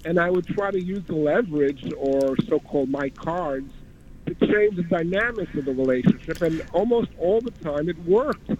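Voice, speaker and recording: A man calling in to a radio show by phone, telling a personal account in a halting, hesitant way. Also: a little high, expressive, a little mellow. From Queens, New York. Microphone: telephone. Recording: dull, band-limited phone line.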